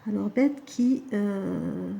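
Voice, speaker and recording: Woman, casual card reader, mellow voice, echoey room, hesitant and chatty. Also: mid-range voice, very slow, creaky, highs cut off. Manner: chatty, hesitant, many fillers and self-corrections. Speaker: animal communication card reader. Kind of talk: casual card-reading guidance.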